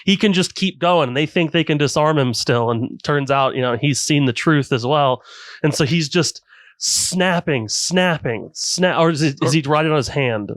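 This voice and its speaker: A man co-hosting a casual anime podcast, retelling scenes with animated enthusiasm. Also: on the high side, normal speed, no room sound. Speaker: podcast co-host.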